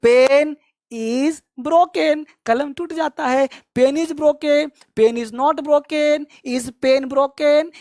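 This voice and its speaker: A very high-pitched man teaches spoken English online, drilling phrases by repetition loudly and emphatically, then finishing with a fiery motivational pep talk. The recording is clean studio sound with no echo.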